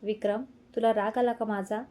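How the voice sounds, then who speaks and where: A woman's voice: mid-range voice, level tone, moderate pace, mellow, close to an everyday voice. A woman voicing a shy, touchy young wife. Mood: worried. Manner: pouting, easily flustered. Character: young wife, shy and quick to take offense.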